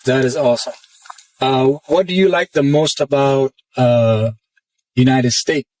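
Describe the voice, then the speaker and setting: A man's voice: medium pitch, measured pace, darkish tone, no room sound, far from the mic, low-quality recording. A man interviewing a passenger, asking short questions and giving brief upbeat reactions. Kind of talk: casual street interview.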